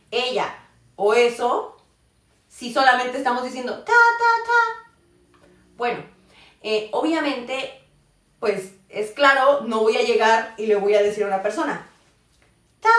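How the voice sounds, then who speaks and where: A woman teaching a live online Mandarin class, explaining patiently and often checking in with "ok?". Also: on the high side. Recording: roomy echo, voice far from the mic.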